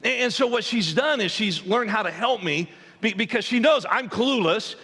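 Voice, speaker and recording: Pastor guy telling a funny story about himself, highish voice, big church echo. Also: normal speed, husky. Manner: self-deprecating, anecdotal, animated storyteller. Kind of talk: humorous storytelling sermon. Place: large church auditorium. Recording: long hall reverb in a church.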